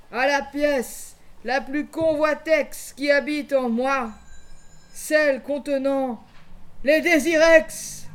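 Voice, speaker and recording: A man voicing a cavernous archive of feelings that speaks in a solemn, drawn-out way in a radio play. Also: very high-pitched, pushed and bright, heavily acted.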